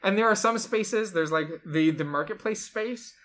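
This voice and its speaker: An enthusiastic co-host walks through a board game's rules in a casual, chatty way, sprinkling in plenty of "like"s. The voice sits at a middle pitch. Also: normal speed, a bit bright. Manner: enthusiastic, chatty, lots of fillers like "like". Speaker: board game show co-host. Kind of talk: casual chat explaining game rules.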